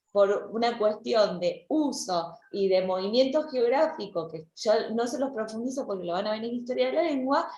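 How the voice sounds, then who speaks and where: Female teacher, raised pitch, roomy echo, explanatory lecture with restarts. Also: a little mellow. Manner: explanatory, with many restarts and repeated words. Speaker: language teacher. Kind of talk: online class lecture.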